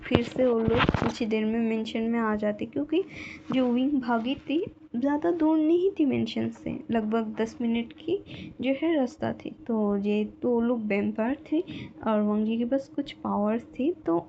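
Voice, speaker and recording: A woman's voice: on the high side, normal speed, dark tone, lo-fi sound, slight background noise. A woman retelling a story casually, rambling with many filler phrases. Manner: meandering, lots of filler phrases.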